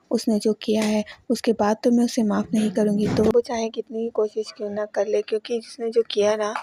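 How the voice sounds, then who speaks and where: Young woman, channel host, fairly high voice, flat monotone delivery, casual serial recap, close mic. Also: breathy edge, dry recording. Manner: retells scenes by quoting each character's lines in turn. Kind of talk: casual spoken recap in Hindi.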